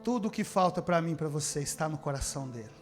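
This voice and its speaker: A man from preaching a sermon as pastor, calling out to the congregation and swinging from shouting to near-whispering. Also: a little high, animated, fast, soft background music. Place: church service.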